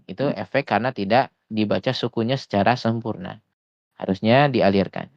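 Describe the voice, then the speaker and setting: A man gives an online Quran recitation lesson in a low, smooth, resonant voice. He explains patiently, pausing on small hesitations and slowing down to demonstrate sounds. The audio is dry and a little dull, like lo-fi voice chat. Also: dry recording. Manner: often slows to demonstrate sounds. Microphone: voice chat headset or desktop mic.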